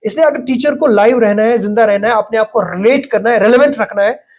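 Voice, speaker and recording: A middle-aged man appears as the education expert guest in a podcast interview, speaking thoughtfully with many pauses, fillers and restarts. His voice sits high with a darkish tone.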